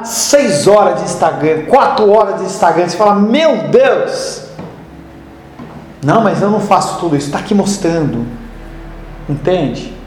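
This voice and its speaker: A man's voice: on the high side, darkish tone. A man preaching a sermon in a conversational way, mixing scripture with homely stories. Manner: conversational, tells homely anecdotes. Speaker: pastor. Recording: echoey hall with faint noise.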